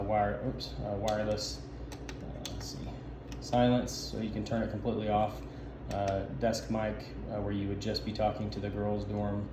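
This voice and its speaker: In an echoey indoor camp office with noisy ambient sound, a sound system installer narrates an informal instructional demo walkthrough. His voice is low-pitched and flat in tone.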